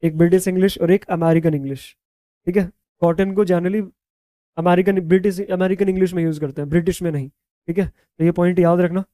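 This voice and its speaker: High-voiced Indian man teaching English. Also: fairly even intonation, warm tone, no echo. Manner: repeats "ठीक है?" after nearly every point; spells words letter by letter, slows for example sentences. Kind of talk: bilingual classroom lesson.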